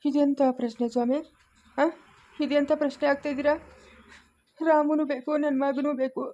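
A woman's voice: high-pitched, fairly even intonation, moderate pace, mellow, dull audio, close to an everyday voice. A woman playing a weeping old village accountant. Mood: bewildered. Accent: Karnataka rural Kannada. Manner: pleading, broken lament. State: crying. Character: grieving elderly village accountant, an old man. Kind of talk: amateur family drama acting.

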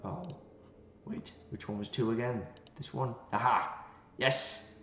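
A man's voice: medium pitch, slow pace, sharp tone, a little hiss or hum. A man playing through a game, reading its text aloud and reacting with playful, jokey asides. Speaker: gaming channel host. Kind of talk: let's play commentary. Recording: roomy, slightly dull, game music behind.

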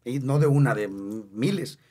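A man's voice: medium pitch, measured pace, dark tone, slightly rough. A Mexican singer in his fifties, a guest in a casual interview, talking candidly and emotionally, joking and repeating words for emphasis. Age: 50s.

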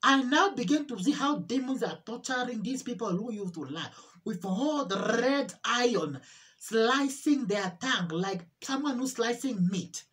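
A woman giving an emotional religious testimony, repeating herself and pleading, her voice rising into cries and halting with restarts. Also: a little high, expressive, fairly bright tone. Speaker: testimony speaker.

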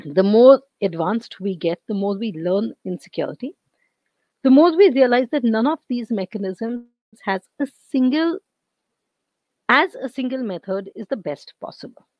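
A woman lecturer with an Indian English accent teaching over a video call, her voice going hoarse and her throat often cleared. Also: a little high, lively intonation, normal speed, dry recording, lo-fi sound. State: losing her voice. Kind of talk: online lecture.

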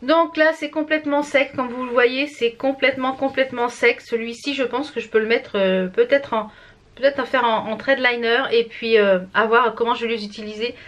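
A woman's voice: a little high, fairly even intonation, fairly quick. A woman from France chatting casually through a makeup product review, with many fillers and restarts. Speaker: beauty vlogger.

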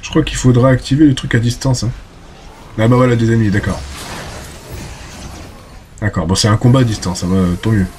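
A man's voice: medium pitch, steady tone, fairly quick, long pauses, darkish tone, a little hiss or hum. Chatty man commentating a game. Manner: chatty, talks to himself, exclaims and curses during fights. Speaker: gameplay commentator. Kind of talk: casual let's play commentary.

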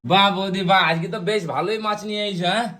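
Fast-talking woman calming a quarrel. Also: mid-range voice. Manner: placating, trying to calm others. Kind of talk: scripted family quarrel sketch.

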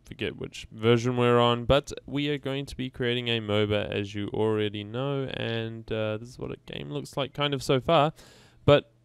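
A man talks through a game-coding tutorial in a loose, rambling way, often catching and correcting himself mid-sentence. His voice is gravelly yet clear and resonant. The sound is dry and close, with no room echo. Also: medium pitch, steady tone, moderate pace, hardly any pauses. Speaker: game development tutorial host. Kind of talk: casual screen-recorded coding tutorial.

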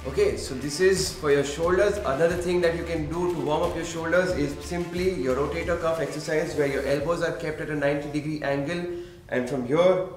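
Young male fitness trainer, echoey room. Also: a little high. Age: young adult. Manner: coaching, counting reps aloud. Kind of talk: workout instruction. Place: home gym room, indoors.

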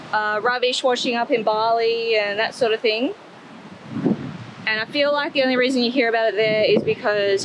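Australian woman, thirties, casual wry vlog chat, held camera outdoors, wind and surf noise. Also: on the high side. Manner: wry, chatty, talks while climbing. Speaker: travel vlogger. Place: outdoors on a tropical beach. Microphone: camera held close.

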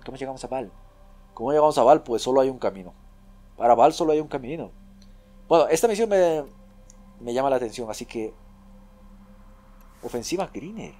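A man hosting a let's play video, commentating excitably, repeating short phrases in bursts and chatting to his viewers. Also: medium pitch, a little fast, pauses often. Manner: chatty, addresses viewers as a group. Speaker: gaming video host.

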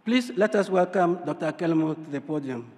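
A man with a distinctly high voice reads a formal introduction from a podium. His delivery is measured and deliberate, and the big hall rings around him. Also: animated, a little mellow. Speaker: introducer at a conference. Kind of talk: formal scripted introduction read aloud. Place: large indoor auditorium podium. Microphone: podium microphone. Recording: reverberant large hall.

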